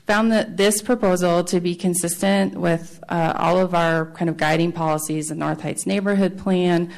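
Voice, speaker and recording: A woman giving a formal, explanatory staff presentation at a public meeting, speaking haltingly with a creaky voice. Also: on the low side, a little mellow. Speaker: city planning staff presenter.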